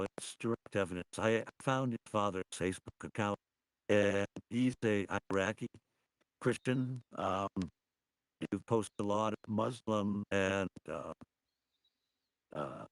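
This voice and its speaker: A man talking on a livestream through a voice changer, halting and full of fillers and restarts. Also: on the low side, dry recording, low-quality recording. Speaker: livestream host. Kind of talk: casual livestream commentary. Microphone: computer mic on a livestream.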